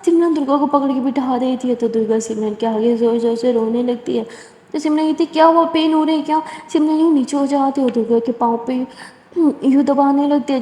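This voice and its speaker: Woman storyteller, expressive and conversational; high, mellow voice in an echoey room. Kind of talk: spoken love-story narration.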